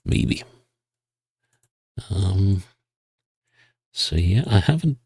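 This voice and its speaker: A man giving casual gameplay commentary, musing to himself and reading signs and place names aloud in a husky voice. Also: low voice, lively intonation, drawn-out words, darkish tone, no echo. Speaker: GeoGuessr player.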